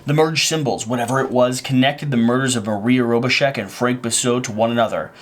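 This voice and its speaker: A man's voice: medium pitch, fairly even intonation, fairly quick. A man playing a cooperative board game, explaining rules emphatically, teasing the others and reading story passages. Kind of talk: casual tabletop play, narrating story text.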